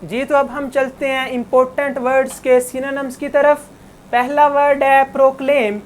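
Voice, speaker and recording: A woman's voice: sits high, little pitch movement, normal speed. A woman giving an online English lesson, patiently explaining words and correcting pronunciation. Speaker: English teacher. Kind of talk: online classroom lecture.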